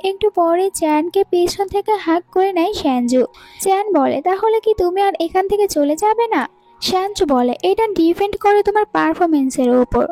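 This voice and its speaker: A woman's voice: very high-pitched, dark tone, no echo. A woman with a Bangladeshi Bengali accent narrating a drama recap and reading every character's lines in her own voice. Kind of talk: storytelling narration with quoted dialogue.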